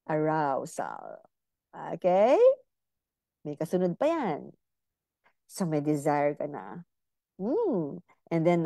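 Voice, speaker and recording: A woman's voice: mid-range voice, dark tone, no room sound. A middle-aged woman doctor giving a casual, playful health lecture, teasing her listeners and speaking to them directly.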